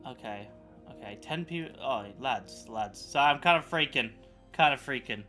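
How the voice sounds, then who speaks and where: Bright-voiced excitable male streamer. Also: medium pitch, normal speed, faint music behind. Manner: excitable, profane, bantering with chat. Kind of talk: casual live-stream chat while gaming.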